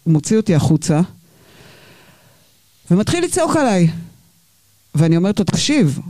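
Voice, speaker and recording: A woman, a podcast guest and basketball fan, telling a lively anecdote and acting out both sides of the quoted arguments. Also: lowish voice, a little hiss or hum.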